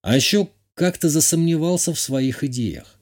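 A man reading a first-person audiobook in a measured, even way. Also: fairly high pitch. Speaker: audiobook narrator. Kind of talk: scripted first-person narration.

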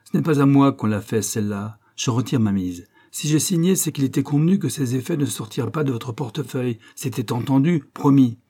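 Un homme lisant un livre audio prête sa voix à un jeune homme naïf et affolé, qui bredouille des protestations aiguës. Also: male voice, a little fast, few pauses, warm tone, close to an everyday voice. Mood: dismayed. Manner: stammering, shrill protests. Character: young man, flustered, panicky dupe.

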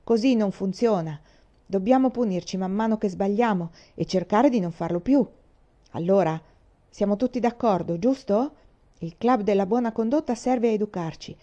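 A woman's voice: mid-range voice, moderate pace, mellow, muffled recording, natural voice. A woman reading aloud, voicing a young boy who talks in an authoritative, lecturing way. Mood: bossy. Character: bossy young boy, eager club leader.

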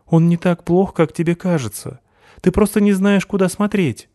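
A kind young blonde woman, as a man voices her, speaks gently in a lifted, soft-edged voice. Her tone stays friendly and light. The sound is dry and close. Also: high voice, moderate pace, no echo, pitched above the performer's own voice, lightly acted. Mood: gentle friendly.

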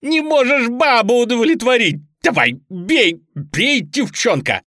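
A man's voice: very high-pitched, lively intonation, unhurried, a bit bright, dry recording, studio quality, pitched above the performer's own voice, full character voice. A man voicing a frenzied young man who shrieks insults as if possessed. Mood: jeering.

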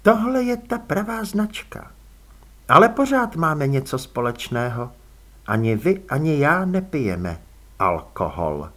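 A man's voice: fairly high pitch, very animated, a bit bright. A man voicing a genteel aristocratic vampire lady with a gracious, lightly teasing manner in an audiobook. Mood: calm courtesy. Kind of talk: audiobook character voice.

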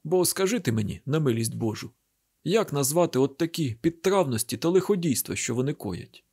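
A man's voice: a little high, animated, fairly quick, a little mellow, husky. A man voicing a bitter old village father, a cattle healer, in an audiobook drama reading, talking with heated, grieving reproach.

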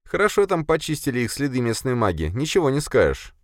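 A man voicing a young female investigator who keeps calm and argues back. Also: mid-range voice, fast, no echo, studio quality, pitched above the performer's own voice, natural voice. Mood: calm, indignant. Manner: calm, controlled, indignant.

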